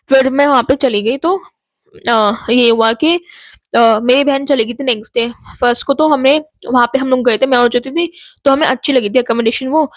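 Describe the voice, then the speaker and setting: A woman's voice: sits high, no echo. A young woman from India, telling a rambling story-time vlog and mixing in English phrases. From Ghaziabad, North India. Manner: chatty, rambling, mixes Hindi and English. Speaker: vlogger.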